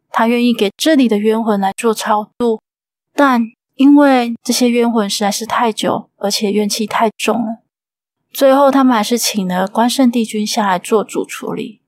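Woman host with a Taiwanese Mandarin accent, steady suspenseful storyteller, slightly high voice. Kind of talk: storytelling narration.

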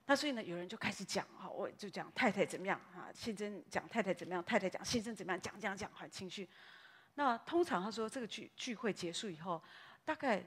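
A woman pastor, preaching a sermon in a lively, conversational way that is full of little tag words. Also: medium pitch, fast, breathy edge, big-room sound. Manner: animated, conversational preaching with frequent "哈" tags.

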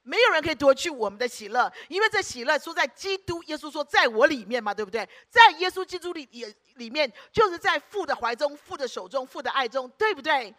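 A woman preacher delivers a sermon in a high, bright, forceful voice. She speaks emphatically and keeps putting rhetorical questions to the congregation to check they are following. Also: animated, brisk, hardly any pauses.

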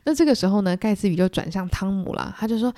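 A young woman with a Taiwanese Mandarin accent, hosting a solo book-club podcast and retelling a story in a chatty way, often putting on animated voices. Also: mid-range voice, quick pace, no room sound, studio quality. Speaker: podcast host.

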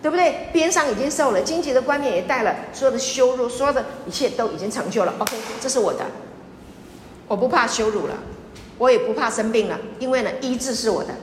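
A woman pastor giving a lively sermon, repeating her points emphatically and often asking the congregation questions. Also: a little high, fast. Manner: repetitive, emphatic preaching with audience questions. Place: church sanctuary. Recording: echoey church hall with faint noise.

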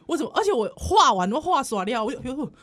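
High, lively Taiwanese woman laughing. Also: quick pace, crowd noise. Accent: Taiwanese Mandarin. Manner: animated storytelling, laughs often, slips into Taiwanese Hokkien. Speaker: podcast co-host. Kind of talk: casual chat.

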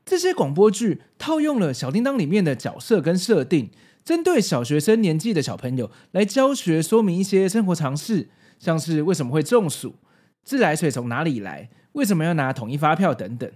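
Hosting a scripted, nostalgic look back for his retro pop-culture series, a man with a Taiwanese Mandarin accent explains things conversationally. His voice is fairly high, sing-song and darkish, moving fairly quickly.

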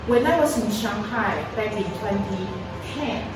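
At medium pitch and a measured pace, this woman from Taiwan, in her forties with Mandarin as her first language, shares a personal testimony in a chatty way, often repeating words and laughing. It's recorded from afar in a noisy, echoing room.

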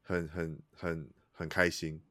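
A man's voice: extremely low pitch, little pitch movement, slow pace, sharp tone, no echo, studio quality. A man hosting a casual chat interview, hesitant and repeating words, often laughing. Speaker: podcast host.

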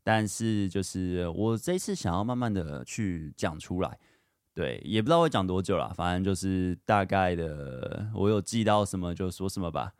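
A man's voice: sits low, normal speed, smooth, no room sound, clean studio sound. A young man, hosting a podcast and telling personal stories in a chatty, candid way full of fillers. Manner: chatty and candid, lots of fillers, animated when retelling. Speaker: podcast host. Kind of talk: casual storytelling monologue.

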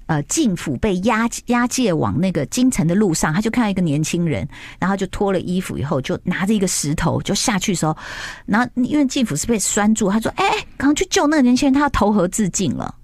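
A woman hosting a casual chat show, telling a story in an animated way and acting out the quotes. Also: lowish voice, no echo, studio quality. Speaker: host.

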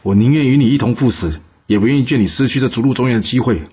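A man's voice: medium pitch, racing, darkish tone, breathy edge, pitched above the performer's own voice, natural voice. Man doing a fiercely loyal old-court minister. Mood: solemn.

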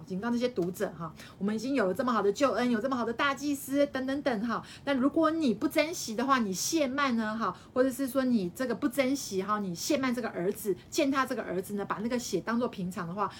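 A woman with a somewhat high voice teaches scripture to an online study group. She restates each idea and tags her sentences with a soft "ha". A faint background hum runs under her voice. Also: fast talker, few pauses. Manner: explains by repeating phrases, tags sentences with a soft "ha". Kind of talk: live-streamed Bible study teaching.

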